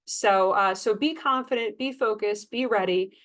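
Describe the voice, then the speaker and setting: A woman sales trainer walks staff through tips in an informal training talk, speaking in a mid-range, fairly bright voice at a moderate pace. Her coaching style is conversational and emphatic, and she acts out example dialogue.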